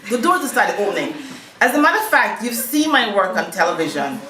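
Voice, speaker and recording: A Jamaican woman speaks over a video call from her boutique, her voice bright and forward. She tells her story in an upbeat way, laughing lightly between phrases, and the room around her is echoey. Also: mid-range voice, very animated, brisk. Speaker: fashion designer guest. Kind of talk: casual interview on a video call.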